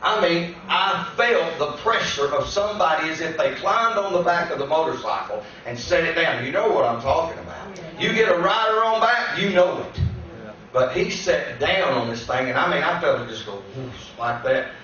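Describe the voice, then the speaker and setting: A man's high, animated preaching voice rolls around a very echoey church, heard from a distance through a dull recording. He tells a testimony like a story and keeps climbing into shouted proclamation. A faint hiss sits underneath. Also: normal speed. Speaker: guest pastor. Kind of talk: sermon with personal testimony. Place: church sanctuary.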